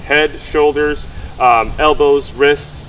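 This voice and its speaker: Male physical therapist, thirties, explanatory interviewer style, slightly high pitch, faint noise behind. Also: steady tone, slow, fairly bright tone. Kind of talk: explanatory instructional talk and interviewing. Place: mostly outdoors on a golf course. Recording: distant mic with faint background noise.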